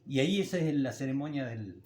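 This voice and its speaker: A man's voice: mid-range voice, lively intonation, fairly quick, roomy sound, background noise. An older man with an Argentine Spanish accent, preaching a sermon as a pastor in a conversational, folksy way with homely anecdotes.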